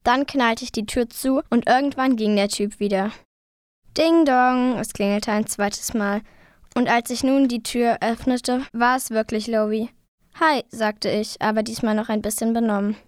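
Give me a woman reading a first-person story aloud, chapter by chapter, in a rather high voice. She cries out the shouted dialogue. The sound is dry and close to the mic. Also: fairly even intonation, normal speed, no echo.

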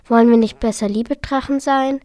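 A woman's voice: on the high side, fairly even intonation, normal speed, darkish tone, no echo, natural voice. A woman voicing a shy little girl dragon. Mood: gentle. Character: small shy kind young female dragon.

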